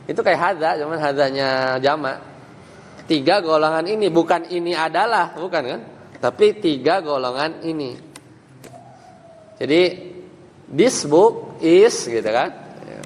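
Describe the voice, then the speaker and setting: A male teacher runs a grammar lesson, firing short questions at his students. His voice sits a little high for a man, and it rings in a hall with a long tail. A faint hum of ambient noise sits under him. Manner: questioning, quizzing students with quick prompts. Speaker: Islamic teacher. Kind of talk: classroom lesson on Arabic grammar.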